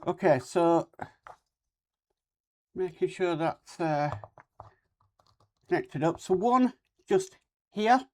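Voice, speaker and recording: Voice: medium pitch, lively intonation, extremely slow, long pauses, darkish tone. A person hosting a casual hands-on model-building video, talking with a cold sore on the lip. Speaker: host of a model-building channel.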